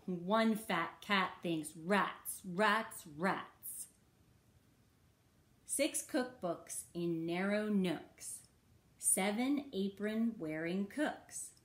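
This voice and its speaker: Slow woman reading a picture book. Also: mid-range voice. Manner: slow, rhythmic sing-song reading. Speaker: children's story reader. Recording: roomy echo.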